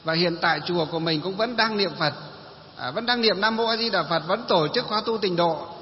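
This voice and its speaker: A man's voice: high-pitched, brisk. A man giving a Buddhist sermon who keeps posing questions to his listeners and answering them himself. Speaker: Buddhist preacher. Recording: long hall reverb, dull lo-fi sound.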